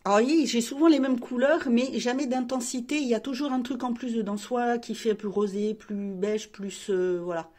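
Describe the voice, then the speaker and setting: A woman's voice: a little high, moderate pace, few pauses, a little mellow. A woman beauty vlogger chatting casually while showing her makeup, rambling with frequent restarts and fillers.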